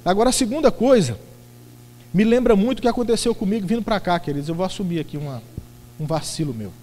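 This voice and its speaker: Middle-aged male preacher, high voice, theatrical storyteller, long church reverb. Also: quick pace. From Brazil. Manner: lively, theatrical storytelling with acted-out voices and shouts. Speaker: pastor. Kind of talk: sermon. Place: church sanctuary.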